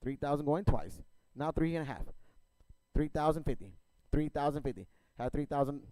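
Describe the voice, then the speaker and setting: A man working as an auctioneer, calling bids in a rapid, repetitive chant of numbers and stock phrases. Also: fairly high pitch, lively intonation, warm tone, dry recording, poor audio.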